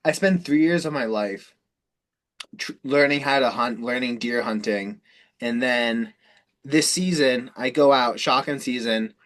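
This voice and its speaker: Measured in pace, a man with a medium-pitched, somewhat bright voice talks through a self-improvement call. His explanations are unscripted, meandering and casual, and he curses a lot along the way.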